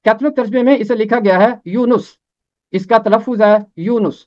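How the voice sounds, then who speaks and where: A man teaching a pronunciation lesson, slowly spelling out vowel marks and repeating each name. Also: high voice. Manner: slow, careful spelling out of diacritics and repeated names. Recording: dull lo-fi recording.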